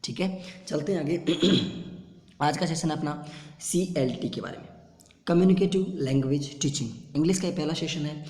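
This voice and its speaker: A man's voice: on the high side, a little mellow. Echoey Hindi-speaking male lecturer. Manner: drills pronunciation, repeats terms slowly. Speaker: teacher. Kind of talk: online exam-prep lecture. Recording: echoey room with long reverb.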